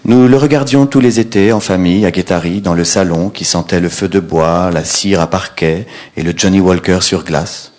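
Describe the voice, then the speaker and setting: Middle-aged author guy reading his book, wry and theatrical, lowish voice. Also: normal speed, few pauses, a little mellow. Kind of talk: literary reading and audience chat.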